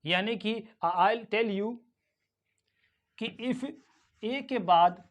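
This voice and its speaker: A woman teaching English pronunciation with an Indian accent. She spells each word letter by letter and then repeats it carefully. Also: medium pitch. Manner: spells words letter by letter, then repeats them slowly and clearly. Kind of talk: pronunciation lesson, mixing Hindi and English.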